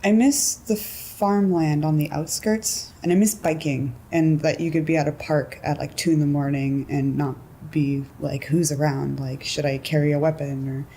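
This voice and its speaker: A young Californian woman in her twenties, being interviewed casually, speaks in a notably deep, low, mellow voice, relaxed and laughing often. She sprinkles in lots of "like" and "um" in an easy, unguarded way, at normal speed with hardly any pauses. A faint background hiss lies under the recording.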